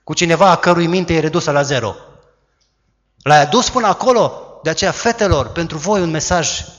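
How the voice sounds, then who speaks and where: A man preaching a sermon, who acts out quoted voices loudly and dramatically. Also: a little high, dull audio. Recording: long hall reverb.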